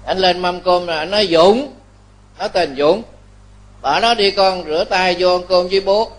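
A man's voice, a Buddhist monk speaking, pitched fairly high for a man. He preaches in a lively storytelling way, often checking with his listeners that they agree. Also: moderate pace. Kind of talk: Dharma talk sermon.

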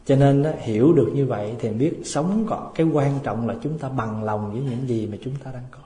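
A male Buddhist monk delivers a dharma talk in a mid-pitched voice. He tells homely, humorous anecdotes and often checks with the audience through rhetorical questions. His voice rings through a reverberant temple hall. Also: brisk, dark tone. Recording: echoey hall with long reverb.

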